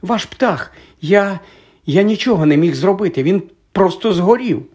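A man's voice: on the high side, animated, moderate pace, darkish tone, breathy edge, pitched above the performer's own voice. A man voicing a nervous young schoolboy wizard in an audiobook, hesitant and stammering. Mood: panicked. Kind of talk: audiobook character voice.

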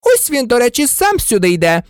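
A reader voicing a stern, furious older female professor scolding students in a high, sharp voice. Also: huge pitch swings, brisk, clean tone, no echo, studio quality. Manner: scolding, clipped outrage.

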